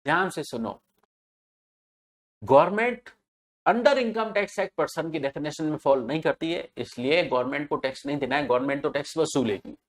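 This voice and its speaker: A man's voice: a little high, normal speed. Man lecturing on tax, repeating key points. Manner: asks rhetorical questions and answers them, repeats key terms. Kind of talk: classroom lecture.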